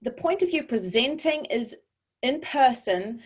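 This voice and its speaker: Clear-spoken New Zealand woman presenting. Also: on the high side, lively intonation. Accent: New Zealand, softened by years in Europe. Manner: clear, measured and encouraging. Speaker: webinar presenter. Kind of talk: online presentation coaching.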